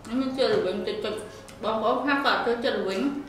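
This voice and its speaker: A woman's voice: on the high side, moderate pace. A woman on an eating show, talking while chewing in short, mumbled remarks between bites. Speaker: food vlogger. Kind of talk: casual eating show chat. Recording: echoey, distant mic with noise.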